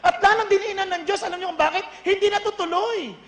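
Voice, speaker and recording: A Filipino man with a Filipino accent preaching a sermon, animated and often laughing as he tells stories, switching between Tagalog and English. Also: very high-pitched, quick pace, reverberant, long reverb tail. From Philippines. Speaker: pastor.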